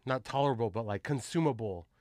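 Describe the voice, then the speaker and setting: A man's voice: medium pitch, fast talker, a little mellow, no room sound, studio quality. A man hosting a casual podcast, laid-back and slangy, swearing and asking "you know what I mean" a lot. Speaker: podcast host.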